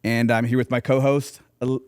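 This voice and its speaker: A man's voice: medium pitch, little pitch movement, moderate pace, darkish tone, no echo. Rambling male podcast host, dry sound. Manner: rambling questions with many fillers and tag questions. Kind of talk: casual interview chat.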